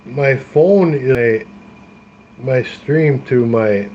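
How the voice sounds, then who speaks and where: A man's voice: mid-range voice, extremely slow, darkish tone, muffled recording, a little hiss or hum. A man rambling casually to his livestream chat, full of fillers and restarts. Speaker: live streamer. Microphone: tablet streaming via phone hotspot.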